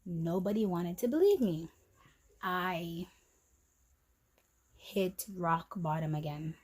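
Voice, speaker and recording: A woman's voice: on the low side, slow, low-quality recording. A young woman vlogging candidly about a hard stretch, repeating herself and near tears at times. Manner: many fillers and restarts, drifting soft and quiet. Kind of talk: emotional personal story vlog.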